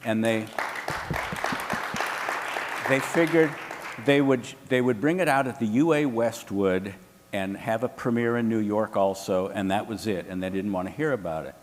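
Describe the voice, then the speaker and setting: A man's voice: lowish voice, normal speed, in a large hall, a faint crowd, a little hiss or hum. A man telling an anecdote as a panelist at a live event, acting out the people he quotes. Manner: animated, quotes others in lively voices. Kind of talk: anecdotal storytelling. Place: hotel event room.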